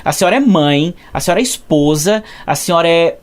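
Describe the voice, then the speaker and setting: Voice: medium pitch, animated, a little fast. An interviewer hosting a studio interview, addressing the guest formally and listing her roles with praise. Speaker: interviewer, host.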